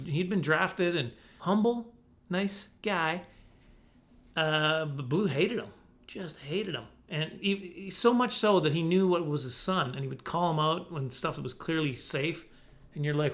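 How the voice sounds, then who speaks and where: A middle-aged man tells comic stories in a monologue, playing mock-defensive and repeating himself for laughs. His voice is fairly high-pitched and a bit bright.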